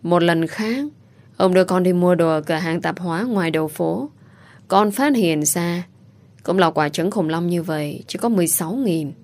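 A woman's voice: on the low side, normal speed, a little mellow, lightly acted. A woman voicing a sweet, clever little boy who talks in eager, childlike questions.

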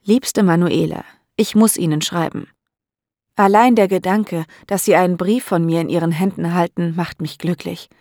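A woman's voice: fairly low pitch, fairly even intonation, moderate pace, a little mellow, no room sound, studio quality, natural voice. A woman reading out the letter of an obsessive, possessive male admirer.

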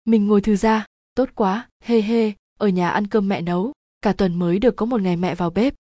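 A woman reads a first-person story aloud in a lively, chatty way. Her voice is soft and mellow, recorded close with a dry sound. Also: mid-range voice, a little fast, no echo. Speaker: narrator.

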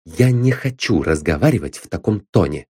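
A man reading an audiobook, voicing a calm, cool-headed young woman detective who speaks softly and politely. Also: deep voice, moderate pace, husky, dry recording, studio quality. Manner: soft, calm and composed.

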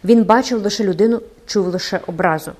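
A woman reads a classic novel aloud in audiobook style. Her narration is measured and expressive, at a middling pitch for a woman.

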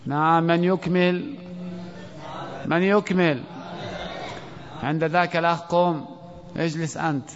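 A man teaching an Arabic grammar lesson in a classroom, quizzing his students and reciting verse slowly. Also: a little high, steady tone, a crowd in the background. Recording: dull lo-fi audio with long hall reverb.

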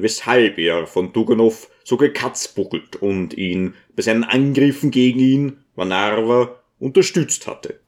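A male audiobook narrator reading a classic novel with expressive storytelling. His voice sits in a middle register and moves in lively swings of pitch. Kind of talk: scripted narration.

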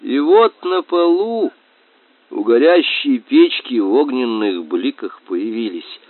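A man narrating a children's story in an expressive, lively reading voice. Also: fairly low pitch, dry recording. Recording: tinny dry phone-like sound.

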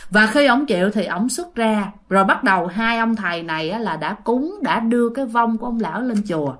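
A woman's voice: a little high, expressive, fairly quick. A woman with a Southern Vietnamese accent telling a ghost story in a chatty, repetitive way, talking straight to her listeners. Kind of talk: casual ghost story narration.

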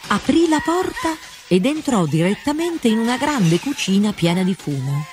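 A woman reading a fairy tale aloud with slow, expressive storybook narration. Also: a little high, noisy background.

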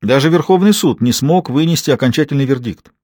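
A man's voice: medium pitch, lively intonation, brisk, darkish tone, dry recording, studio quality, voice pushed up, close to an everyday voice. A man reading an audiobook, voicing an amused, chatty government official. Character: jolly talkative man, state secretary. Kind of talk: audiobook character voice.

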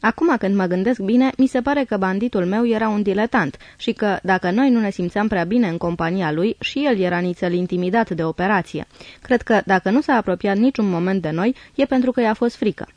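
A woman reading a diary aloud in a calm, measured first-person voice, close to the mic. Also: mid-range voice, dry recording, muffled recording. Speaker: audiobook reader.

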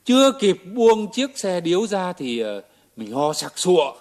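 An actor playing a jovial militia leader who jokes, tells stories and gives orders in a radio drama. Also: male voice, high voice, very animated, a little slow, a little mellow. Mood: storytelling. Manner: hearty, joking storyteller, gives orders. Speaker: militia commander.

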